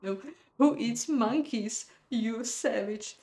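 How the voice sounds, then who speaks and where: In an echoey room, a woman expressively narrates a visual novel playthrough, dramatizing the story and breaking off for playful reactions and comments. Her voice is a little high with a darkish tone, and she takes her time.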